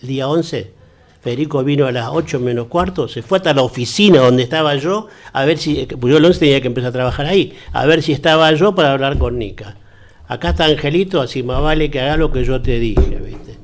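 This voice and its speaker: A man's voice: mid-range voice, fairly quick. A man with a Rioplatense Argentine accent, an interview guest recalling the past in an earnest, moralizing way. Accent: Argentine Rioplatense Spanish. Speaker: interview guest, longtime party militant. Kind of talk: reminiscing interview talk.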